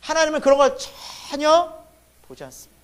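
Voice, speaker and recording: A man preaching a sermon as pastor. He asks the congregation questions and answers them himself, and his voice swings between loud emphasis and sudden hushed drops. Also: extremely high pitch, fairly even intonation, fast talker. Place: church sanctuary.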